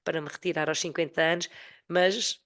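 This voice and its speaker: A woman's voice: low-pitched, steady tone, brisk, a bit bright. A woman in her forties with a European Portuguese accent and a cold-affected voice, telling her story as a guest in a casual interview. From Portugal, Sintra area near Lisbon. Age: 40s. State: voice affected by a cold, recovering from flu. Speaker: podcast guest, retired corporate finance executive.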